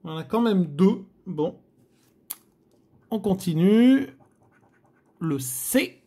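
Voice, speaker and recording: A man's voice: high-pitched, expressive, very slow, dark tone, slightly rough. Chatty man groaning over scratch cards. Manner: chatty, theatrical, addresses viewers, frequent groans. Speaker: host. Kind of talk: scratch-card video commentary.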